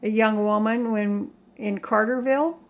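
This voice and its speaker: An older American woman giving a casual rant to viewers in a halting, emphatic, plain-spoken way. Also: a little high, fairly even intonation. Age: older, 60s or above. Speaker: home vlogger. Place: home kitchen.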